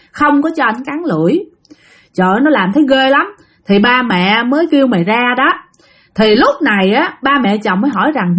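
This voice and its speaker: A woman with a Southern Vietnamese accent telling a spooky story, talking straight to her listeners in an animated way. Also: fairly high pitch, slightly rough. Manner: addresses listeners directly, animated retelling. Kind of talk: spoken ghost story narration.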